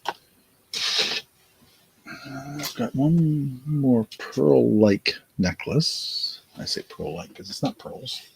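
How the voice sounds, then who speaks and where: Gravelly, tired man running a casual auction. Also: medium pitch, expressive, a little mellow, a little hiss or hum, poor audio. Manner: unhurried, rambling, thinks aloud with many fillers. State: tired, yawning. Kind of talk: casual live-stream auction talk.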